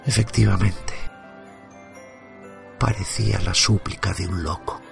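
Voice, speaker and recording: A man plays a tormented father haunted by evil, telling his own horror story in first person over music. His deep voice has vocal fry and fairly even intonation, and his heavily acted delivery is somber, measured and dramatic, with a subdued, gloomy mood.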